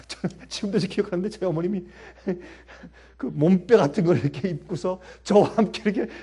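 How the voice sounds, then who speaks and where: A man preaching a sermon, telling stories with lively swings between soft and loud speech and frequent laughter. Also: high-pitched, a little fast, husky.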